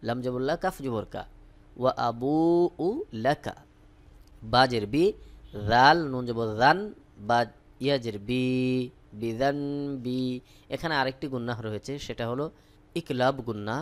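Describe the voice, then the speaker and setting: This man, a native Bengali speaker with a Bangladeshi accent, is teaching Arabic recitation in a mid-range voice. Syllable by syllable he goes slowly, afterward saying the whole word joined together.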